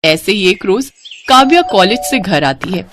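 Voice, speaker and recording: Expressive female storyteller. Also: mid-range voice, moderate pace, a little hiss or hum. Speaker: narrator. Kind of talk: scripted story narration.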